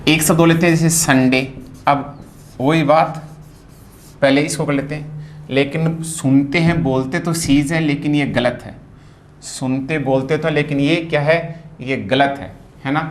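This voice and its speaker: A man teaching a phonetics lesson, spelling words out and repeating each sound slowly. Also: a little high, slight background noise.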